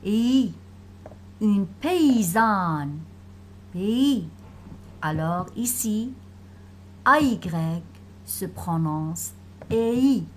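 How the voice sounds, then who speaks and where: A woman teacher giving a phonics lesson to children, pronouncing each word slowly and carefully and repeating it for the class. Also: mid-range voice, animated, slight background noise. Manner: slow, carefully articulated, repeating words for pupils.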